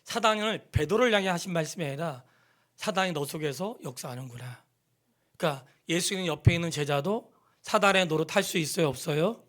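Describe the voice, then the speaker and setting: A middle-aged man preaches from the pulpit, his somewhat high voice rising to loud emphatic peaks and dropping to near-whispers. He quizzes the congregation and has them repeat lines after him, in the measured style of a church sermon. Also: animated. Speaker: pastor. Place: church sanctuary.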